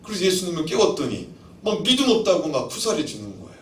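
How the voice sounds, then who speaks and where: Man preaching a sermon, pitch jumping all over, sounds kinda far from the mic in a big echoey church. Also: fast. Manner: animated preaching, acts out voices and asks the congregation questions. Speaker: pastor. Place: church sanctuary.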